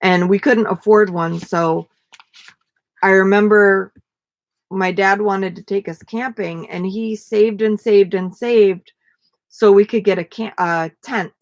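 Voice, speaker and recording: A woman's voice: mid-range voice, steady tone, takes it slowly, no room sound. Tired young woman chatting on a live stream. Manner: rambling, many fillers. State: tired, yawning. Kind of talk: casual live-stream chat.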